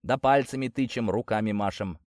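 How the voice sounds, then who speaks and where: A man's voice: fairly quick, no room sound, clean studio sound. A man reading an adventure story aloud as an audiobook narrator, shifting his voice for the characters. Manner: lively, shifts pitch for dialogue.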